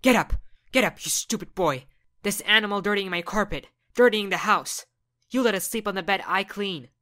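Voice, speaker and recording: A woman voicing a furious, strict middle-aged mother who scolds harshly and shouts. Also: medium pitch, moderate pace, close to an everyday voice.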